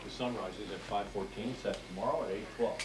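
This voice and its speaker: A man giving a broadcast weather forecast in measured newscaster style, heard off a TV on an old VHS home video tape. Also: fairly low pitch, over a noisy crowd. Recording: roomy TV sound from far off.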